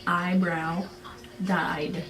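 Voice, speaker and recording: A woman's voice: lowish voice, little pitch movement, very slow, a bit bright. A woman chatting casually and playfully in a giggly, teasing way, repeating short phrases in a game. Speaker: vlogger playing a party game with sisters. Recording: echoey room, slightly distant mic, music behind.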